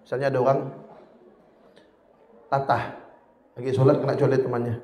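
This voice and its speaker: A man's voice: mid-range voice, little pitch movement, normal speed, darkish tone. Joking male teacher in an echoey hall. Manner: jokey, acts out little scenes in quoted voices. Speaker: religious teacher. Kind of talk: humorous religious lesson. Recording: echoey hall with faint noise.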